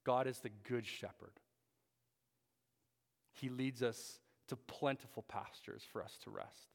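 A young man preaches a sermon in a hall with a long, ringing reverb. His pitch sits mid-range for a man, and he tells his story with many fillers and restarts. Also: fairly even intonation, takes it slowly. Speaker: pastor.

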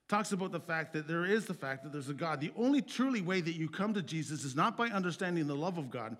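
A male pastor preaching a sermon in an earnest, conversational way, swinging from loud emphatic peaks to quiet, low phrase endings. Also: lively intonation, fast talker.

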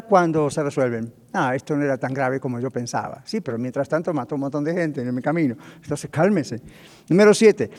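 A man's voice: fairly high pitch, a little mellow. A man preaching as a pastor on marriage communication, often checking in with his listeners and acting out quoted speech. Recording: long hall reverb.

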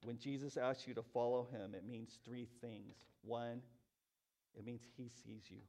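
Pastor guy preaching, kinda gravelly voice, earnest and goes soft sometimes. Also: mid-range voice, fairly even intonation, unhurried. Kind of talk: sermon.

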